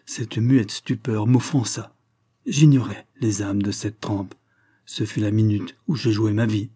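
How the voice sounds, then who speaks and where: A man giving a solemn, measured, expressive dramatic reading of a literary text. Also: fairly low pitch, breathy edge. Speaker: reader.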